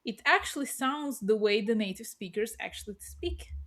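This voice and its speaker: A woman's voice: fairly high pitch, animated, normal speed, fairly bright tone. Chatty woman explaining with examples. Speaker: panel participant, language learner. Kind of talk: casual discussion.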